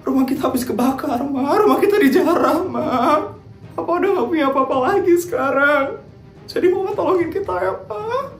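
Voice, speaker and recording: A voice actor playing a spoiled rich daughter in a cartoon, shrill and whining as she shouts and begs. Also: lively intonation, fairly quick, few pauses. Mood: pleading whine. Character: bratty spoiled rich daughter, whiny and loud. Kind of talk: cartoon voice acting. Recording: roomy echo with faint music.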